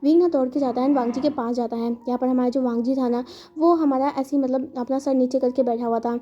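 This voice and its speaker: A woman's voice: high voice, fairly even intonation, quick pace, warm tone, lo-fi sound. A woman casually retelling a fan story, chatty and full of fillers and self-corrections.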